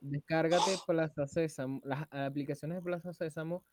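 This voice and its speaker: A young man with a Venezuelan accent co-hosting a podcast, joking in slangy casual chat with loud bursts. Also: fairly high pitch, steady tone, normal speed, no echo. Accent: Venezuelan Spanish. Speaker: podcast co-host.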